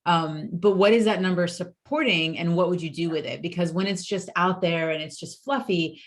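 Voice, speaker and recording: A woman hosting a business podcast, asking probing questions and chiming in with quick agreements. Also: lowish voice. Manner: brisk, probing questions, frequent short agreements. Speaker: podcast host. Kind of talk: casual interview chat.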